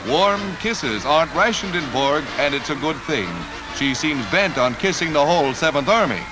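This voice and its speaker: 1940s newsreel narrator, man, high-ish lively voice, punchy and wry, music bed behind. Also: moderate pace. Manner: punchy announcer delivery with wry quips. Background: music score.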